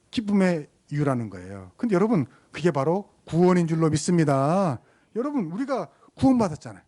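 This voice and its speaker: A middle-aged male pastor preaches with a high, bright voice that swings widely up and down. His delivery is conversational and emphatic. He keeps asking the congregation questions and repeats key phrases to drive them home. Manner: conversational, asks the congregation questions and tells personal stories. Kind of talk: sermon.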